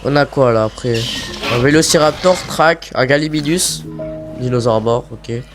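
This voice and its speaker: A man giving casual, excitable commentary on his own gameplay, pleading with the game and swearing casually. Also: mid-range voice, moderate pace, over music.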